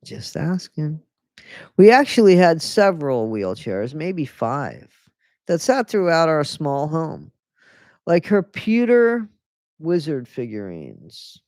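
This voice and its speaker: Slow and mid-range, with big pitch swings and a darkish tone, the voice comes through dry and studio-quality. It belongs to a livestream host casually reading a book to viewers, frequently rereading lines and interrupting with sarcastic, talkative comments.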